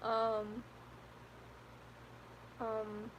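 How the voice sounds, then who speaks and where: Very slow and completely flat in delivery, this fifteen-year-old girl's slightly high voice carries a little hiss or hum. Chatting casually with live stream viewers, she giggles through rambling stories packed with fillers and many "like"s.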